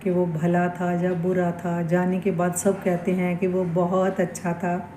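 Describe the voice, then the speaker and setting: A woman giving a slow, earnest devotional talk as a vlogger, reflecting aloud on forgiveness and faith. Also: lowish voice, monotone, dark tone, roomy sound, a little hiss or hum, poor audio. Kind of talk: casual spiritual talk.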